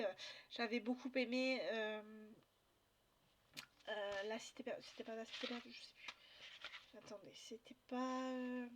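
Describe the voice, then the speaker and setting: A woman chatting casually about books she bought, hesitant with many fillers and restarts. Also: fairly high pitch. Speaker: book vlogger. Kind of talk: casual book haul chat.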